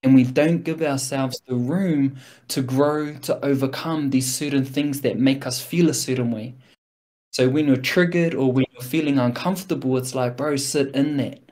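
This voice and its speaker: A man with a broad New Zealand (Kiwi) accent gives a reflective, casual motivational talk in a medium-pitched, darkish voice at a moderate pace. He's earnest and informal, sprinkling in slang and frequently checking in with a rhetorical "right?".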